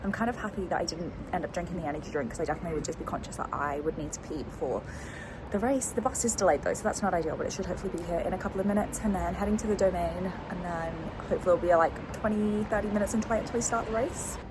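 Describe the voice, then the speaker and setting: A woman's voice: fairly low pitch, rapid-fire, noisy background. A young adult woman chatting casually to her viewers as a vlogger. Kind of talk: casual chat to camera.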